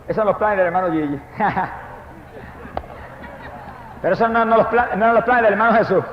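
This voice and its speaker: A man preaching a personal testimony sermon with fervor, dropping to hushed tones and rising to loud proclaiming. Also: high-pitched, fairly quick, slight background noise. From Puerto Rico. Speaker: evangelist preacher. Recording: echoey hall, dull lo-fi archive recording.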